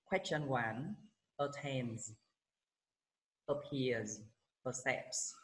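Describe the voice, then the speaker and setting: A man teaching, a high school English teacher with a Vietnamese accent, going through exam questions and reading out the English answer words slowly before explaining them in Vietnamese. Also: fairly bright tone, poor audio. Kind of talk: exam walkthrough lesson.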